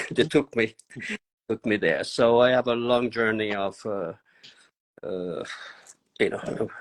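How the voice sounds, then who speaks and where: Italian-born drummer in his sixties. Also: on the low side. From Italy. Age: 60s. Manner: halting, searching for words, frequent fillers. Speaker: guest drummer. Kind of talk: casual interview. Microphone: video call.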